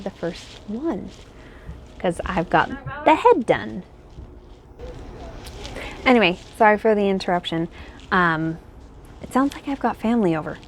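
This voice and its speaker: A woman's voice: fairly low pitch, slight background noise. A woman talking in a casual, rambling way, thinking aloud as she shows her crochet work. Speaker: crochet pattern designer. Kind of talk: casual chat. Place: home, indoors.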